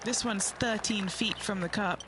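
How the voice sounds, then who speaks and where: A man's voice: sits high, a little slow, crowd noise. A man giving golf commentary as a reporter describing the shot ahead. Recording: noisy ambience behind.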